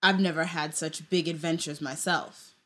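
A woman's voice: low-pitched, fairly even intonation, normal speed, a bit bright. A woman voicing a huge bearded half-giant traveler in an amateur audio reading, blunt at times and bashful at others, heard a little away from the mic. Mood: warm.

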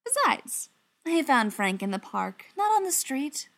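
A woman's voice: high-pitched, big pitch swings, a little slow, a bit bright, voice pushed up, heavily acted. A woman voicing a smug, mocking male vampire elder in an audiobook reading. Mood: smug taunting.

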